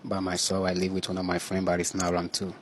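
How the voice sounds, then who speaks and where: Man, very deep and flat, stumbling through answers when questioned. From Nigeria. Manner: hesitant, halting, stumbling answers. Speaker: pastor.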